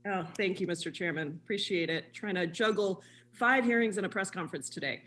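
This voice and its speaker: A woman committee member joining a congressional hearing remotely, giving a brisk, earnest statement and question. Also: fairly low pitch, fairly bright tone. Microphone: remote video call.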